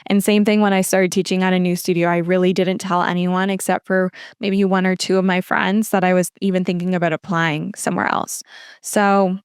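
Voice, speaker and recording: A woman's voice: lowish voice, flat delivery, a little fast, smooth, no room sound, clean studio sound. A woman hosting a podcast, chatting casually as she answers listener questions, often using "like" as a filler. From lives in Toronto. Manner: chatty, filler-heavy with frequent "like". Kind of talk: casual advice chat.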